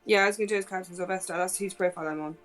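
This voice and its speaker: A woman's voice: on the low side, steady tone, racing, soft background music. A woman playing a tabletop game who keeps asking questions, sounding unsure of the rules. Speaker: player. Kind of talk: casual tabletop play.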